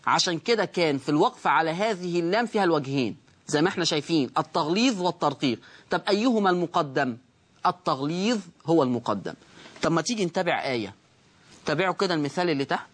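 A man with an Egyptian Arabic accent teaching a tajweed lesson. He explains slowly and draws out the recited words, and he asks the class questions that he then answers himself. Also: a little high, lively intonation.

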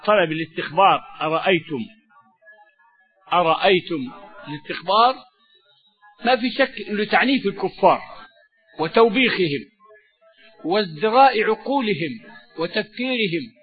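A man giving a religious lesson, measured and explanatory, often repeating key words. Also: high voice, animated. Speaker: Quran teacher. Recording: dull lo-fi recording with faint music.

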